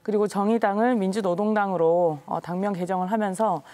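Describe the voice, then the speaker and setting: Formal woman guest with pauses. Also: mid-range voice, steady tone, warm tone. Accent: Jeju. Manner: measured, formal, many filler pauses. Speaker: party election committee co-chair, guest. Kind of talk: current-affairs interview answers.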